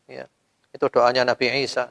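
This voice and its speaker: A male preacher giving a sermon to a women's study group, firing rhetorical questions at his audience, with sudden loud rises and soft, trailing endings. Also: mid-range voice, monotone, a little fast, vocal fry. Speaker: Islamic preacher. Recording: long hall reverb.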